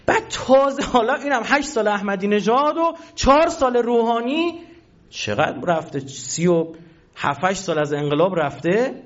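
Guy professor giving a talk, high voice, really animated, muffled lo-fi sound. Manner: animated, storytelling, addresses listeners as dear ones. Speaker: university professor. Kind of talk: public talk to an audience.

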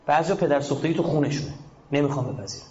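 A man from Iran preaching a religious sermon, swinging between shouted peaks and hushed lows. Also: expressive, a little hiss or hum. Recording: echoey, slightly dull recording.

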